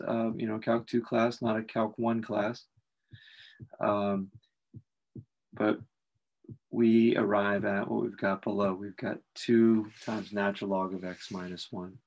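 A man teaching a calculus lesson, talking through each step in a relaxed, explanatory way with frequent fillers. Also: mid-range voice. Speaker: math instructor. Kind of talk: recorded calculus lecture.

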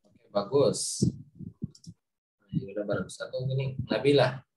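A man's voice: on the low side, darkish tone. A man teaching Quran pronunciation in an online class, patiently modeling letter sounds and correcting students. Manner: patient, repeats letter sounds slowly to demonstrate. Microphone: video call. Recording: distant video call audio.

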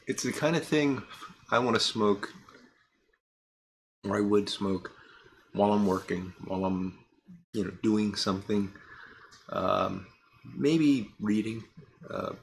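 Gravelly-voiced man chatting casually. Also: on the low side, takes it slowly, long pauses, a little hiss or hum. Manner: rambling, candid, frequent restarts and fillers. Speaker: pipe tobacco reviewer. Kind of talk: casual chat to camera. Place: home workshop room, indoors.

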